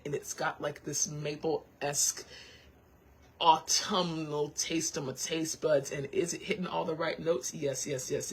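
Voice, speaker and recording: A woman hosting a radio show, chatting in an animated, sassy way. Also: slight background noise. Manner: animated, sassy, swoops into high excited squeals. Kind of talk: casual talk radio chat. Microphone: studio microphone.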